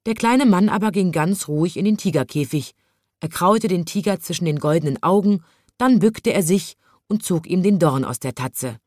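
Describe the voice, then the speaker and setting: Woman narrator for a children's story, slow and clear, low voice, very dry close sound. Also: animated, a little mellow, no echo.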